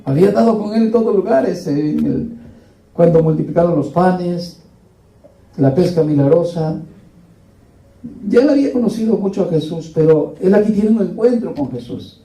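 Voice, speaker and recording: A man's voice: high-pitched, expressive, normal speed, mellow. A man preaching a sermon who keeps asking his congregation rhetorical questions and calls them brothers. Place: church hall. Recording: echoey room, distant mic.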